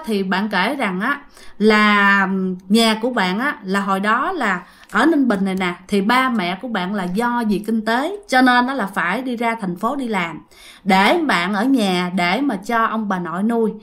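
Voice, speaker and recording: A woman's voice: on the high side, fairly bright tone. A woman with a Southern Vietnamese accent who hosts a channel, casually retelling ghost stories in a chatty way and talking straight to her listeners. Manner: chatty, addresses listeners directly, heavy use of sentence-final particles. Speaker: storyteller and channel host.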